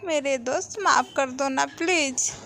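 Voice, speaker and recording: A woman's voice: high-pitched, a little slow, fairly bright tone, a little hiss or hum. A woman voicing a naughty little boy crow chick in a cartoon, in a childish, pleading way.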